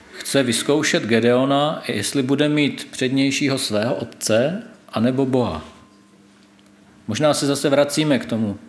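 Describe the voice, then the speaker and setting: A man preaching a sermon, retelling a scripture story and stressing God's words, with a few hesitations. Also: mid-range voice. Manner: thoughtful, with hesitations. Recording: echoey room.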